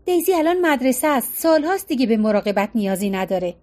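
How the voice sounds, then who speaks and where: A woman's voice: a little high, big pitch swings, darkish tone. A woman voicing a middle-aged mother who soothes and reassures. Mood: chatty.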